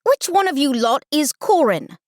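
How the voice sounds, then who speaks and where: Woman acting out a bossy British teen counselor, high, loud, bouncy delivery, audiobook. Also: very animated, no echo, studio quality. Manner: brisk, blunt, shouting through a megaphone. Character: bossy tall teenage girl camp counselor.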